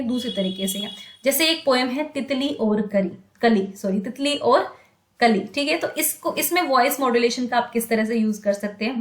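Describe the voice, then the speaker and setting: A woman demonstrating how to teach children's poems, singing them slowly and then explaining in quick conversational talk. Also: fairly high pitch, echoey room. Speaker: teacher trainer. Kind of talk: demo poem teaching, sung and recited.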